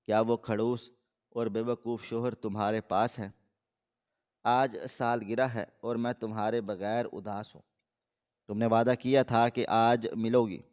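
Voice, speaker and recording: A man's voice: on the low side, steady tone, a little mellow, clear, resonant tone, big-room sound, dull audio, lightly acted. A man reading as a brazen, mocking male caller. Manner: mocking, overly familiar.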